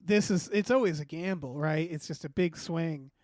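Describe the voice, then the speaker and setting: A man's voice: a little high, moderate pace, darkish tone, dry recording, clean studio sound. A man hosting a casual film podcast, talking in a rambling, profane way peppered with "like". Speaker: podcast host.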